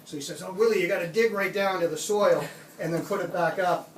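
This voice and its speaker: Man, middle-aged, from Canada, high voice, animated and laughing, distant mic, audible room ambience. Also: brisk, roomy sound, slight background noise. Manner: laughing often, animated retelling. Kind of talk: casual spoken anecdote.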